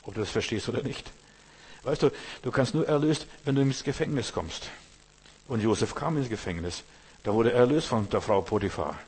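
A man's voice: medium pitch, expressive, moderate pace, darkish tone, breathy edge. A man preaching a sermon, speaking pastorally and directly to the listener with rhetorical questions. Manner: acts out quoted voices of troubled believers.

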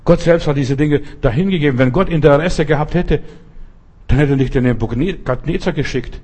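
A man's voice: on the high side, a little fast, a little mellow, slightly rough. A man preaching a sermon, emphatic and speaking directly to the listener. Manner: emphatic, talks straight to the listener.

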